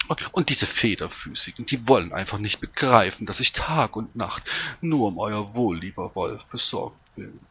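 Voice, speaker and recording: A man reading a fairy tale aloud voices a sly, flattering male fox, raising his husky voice well above his own and wheedling his way through every line. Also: lowish voice, normal speed, hardly any pauses, voice pushed up, exaggerated voice. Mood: fawning. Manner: wheedling, flattering, sing-song. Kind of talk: storybook reading.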